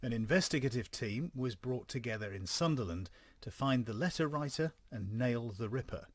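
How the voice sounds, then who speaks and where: A man co-hosting a podcast, giving scripted true-crime narration in a measured storytelling delivery. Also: medium pitch, expressive, no echo.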